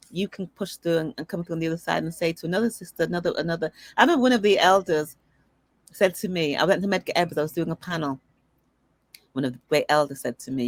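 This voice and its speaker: A middle-aged woman, an interview guest, telling personal stories in a lively, conversational way and acting out the voices of people she quotes. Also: fairly low pitch, no echo. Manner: animated storyteller who acts out dialogue. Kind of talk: conversational storytelling.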